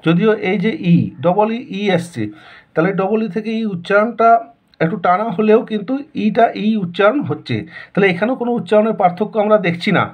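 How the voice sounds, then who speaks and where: Bengali-accented man, teacher, high voice, repeats and quizzes, lo-fi dull sound. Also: brisk. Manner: repetitive, asks questions and answers them himself. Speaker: English teacher. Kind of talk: classroom lesson explanation.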